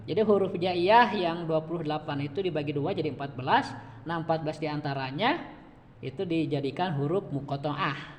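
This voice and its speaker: A man's voice: fairly high pitch, brisk, slight background noise. Patient guy teaching quran reading one on one, keeps checking on his student, lots of reverb. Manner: patient, repeats each point and keeps addressing the student. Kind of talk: one-on-one Quran recitation lesson. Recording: reverberant room.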